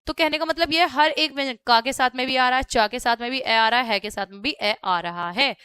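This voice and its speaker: Bright, high-voiced woman teaching a lesson. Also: a little fast, smooth, no echo. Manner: explains step by step, asking and then answering her own questions; repeats "ठीक है" often as a check-in. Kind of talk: classroom-style grammar lesson.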